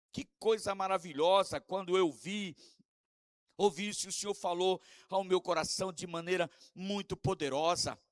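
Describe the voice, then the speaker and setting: High-voiced Brazilian man preaching with fervor. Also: clear, resonant tone, no room sound, studio quality. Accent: Brazilian Portuguese. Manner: swings from soft asides to shouted emphasis; sing-song preaching cadence with call-and-response questions. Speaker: apostle preaching. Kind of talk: sermon.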